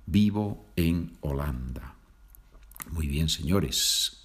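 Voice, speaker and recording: A man teaching a podcast language lesson, repeating phrases slowly for learners. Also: a bass voice, animated. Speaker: Spanish teacher.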